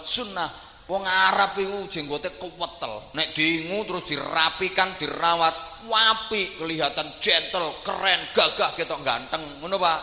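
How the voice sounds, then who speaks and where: A man preaching a humorous sermon, jumping between jokey asides and loud declamation, recorded in a large echoing hall. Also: high-pitched, vocal fry. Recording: echoey hall with long reverb.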